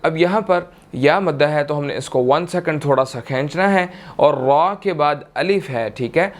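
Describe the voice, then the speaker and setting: A man with a Pakistani Urdu accent teaching tajweed, chanting verses in long drawn-out tones and then explaining each rule briskly, often checking in with "theek hai". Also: on the high side. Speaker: Quran recitation teacher. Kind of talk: tajweed lesson, slow chanted recitation then quick explanation.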